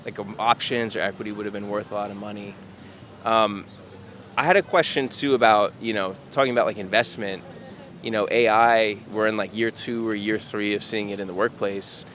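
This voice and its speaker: A man's voice: on the low side, fairly even intonation, a little fast, a bit bright. A man in his thirties hosting a casual street interview, laid-back and full of fillers. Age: 30s. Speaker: podcast host. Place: city street outdoors. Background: faint traffic.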